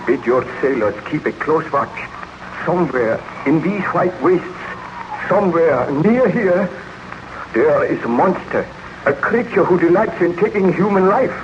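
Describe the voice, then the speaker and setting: A man's voice: fairly high pitch, lively intonation, measured pace. An actor playing a remorseful baron and scientist confessing his crimes, declaiming solemnly in 1930s radio horror style. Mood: urgent, grave. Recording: dull, noisy old 1930s radio recording.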